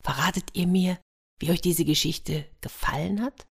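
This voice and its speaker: A woman narrating a children's story with dramatic, expressive delivery. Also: on the low side, normal speed, husky. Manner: dramatic, sound-painting delivery.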